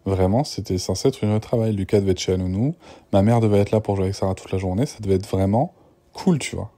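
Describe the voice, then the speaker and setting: A man's voice: lowish voice, fast, warm tone. A young man, worn out, rambling through a casual voice memo with many restarts. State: exhausted. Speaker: father recording voice diary.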